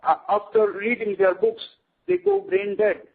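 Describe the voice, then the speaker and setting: A man's voice: high-pitched, sing-song, unhurried, creaky. A man speaking as a guest on a radio show, lecturing emphatically. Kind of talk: radio interview. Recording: tinny phone line.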